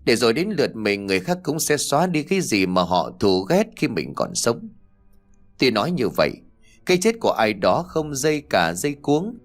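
A man narrating a story in a measured, expressive way. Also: mid-range voice, faint music behind.

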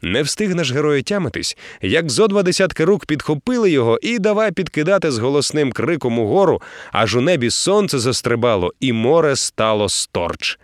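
A man narrating an audiobook in an expressive storytelling way. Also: on the high side, fairly quick, no room sound. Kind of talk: scripted narration.

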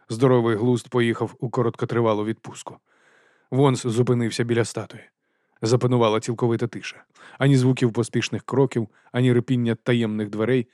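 Give me a man narrating an audiobook in a steady voice with a dry sound. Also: mid-range voice, no room sound. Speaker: audiobook reader.

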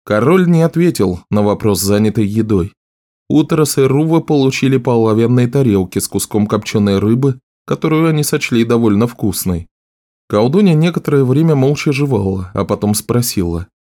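A man narrating a fantasy audiobook in a steady, even reading. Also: mid-range voice, normal speed. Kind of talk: scripted narration.

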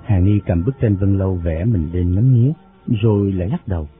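A man reading a novel aloud in steady, measured narration. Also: sits low. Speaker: audiobook narrator. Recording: phone-like sound, faint music.

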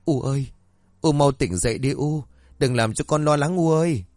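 A man's voice: mid-range voice, expressive, moderate pace, a little mellow, no room sound, lightly acted. Man voicing a dutiful young village wife. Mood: wailing. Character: dutiful young village woman, daughter and mother.

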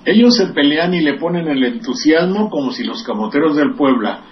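A man's voice: fairly high pitch, expressive, normal speed. Older Mexican man, sardonic rambling radio rant. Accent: Mexican Spanish. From Veracruz, Mexico. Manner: rambling, sardonic and profane, with digressions. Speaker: radio commentator and host. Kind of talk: political commentary on radio. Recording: distant, dull lo-fi radio recording with faint hiss.

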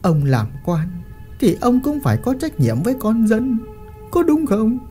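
A reader voicing a lecherous, bullying old male village official who mocks and threatens in a drawn-out way. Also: mid-range voice, wildly swooping pitch, mellow, soft background music, pitched above the performer's own voice. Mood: leering menace. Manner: mocking, leering, drawn-out menace.

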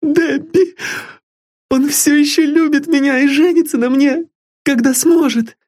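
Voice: high-pitched, fairly even intonation, a little slow, darkish tone, voice pushed up. A reader voicing a poor, tearful, loving young woman in an audiobook. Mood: tearful, eager. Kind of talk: audiobook reading.

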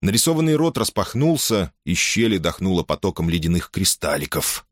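A man reads a science-fiction story aloud in a lively, theatrical way, with big swings of pitch. His voice is fairly low and sits close and dry, with no room sound around it. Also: a little fast, dry recording. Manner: lively, theatrical reading with sharp rises for dialogue. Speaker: audiobook narrator. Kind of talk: expressive sci-fi audiobook narration.

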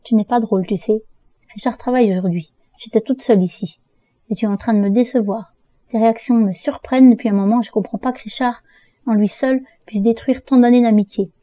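A hurt younger sister reproaches her brother, as a woman reads her in an audiobook. Her voice is dark and mellow, recorded dry and near the mic. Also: on the high side, steady tone, fairly quick, no room sound, close to an everyday voice. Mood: reproachful. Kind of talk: audiobook dialogue reading.

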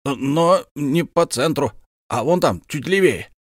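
A blustering, tipsy count with a hot temper, gushing and theatrical in an old-fashioned audiobook scene, as a male narrator puts him on. The voice sits well above a normal speaking pitch and is stretched out slowly and showily. It is a dry, close recording. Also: expressive, no echo. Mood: effusive. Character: blustering tipsy middle-aged count, host of a ball.

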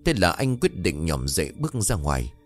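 A man's voice: deep voice, sing-song, fairly quick. A man narrating a ghost story and voicing its characters in the dialogue. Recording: faint music behind.

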